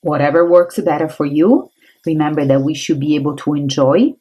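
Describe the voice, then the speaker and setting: An Italian-accented woman teaching an art tutorial, chatty and encouraging as she works. Her voice sits low and has a husky, breathy edge. She thinks aloud between strokes. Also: fairly even intonation, brisk, dark tone, low-quality recording. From Italy.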